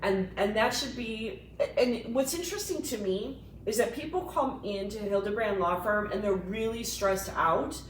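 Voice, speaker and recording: Woman attorney, co-host, animated explainer; echoey room, off-mic, faint rumble. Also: normal speed, distant mic. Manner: explanatory, animated, laughs easily. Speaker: estate planning attorney, co-host. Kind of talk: casual professional discussion.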